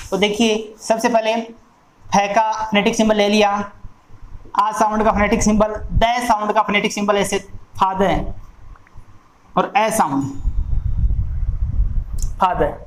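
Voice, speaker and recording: A woman teaching an exam-prep phonetics lesson, going through each sound slowly and deliberately. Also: medium pitch. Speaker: English teacher. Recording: echoey room with faint noise.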